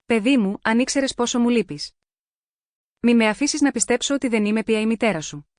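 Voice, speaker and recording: A woman's voice: on the high side, a little mellow, no echo, studio quality, natural voice. A woman voicing a grieving mother who pleads with her dead child in a mournful lament.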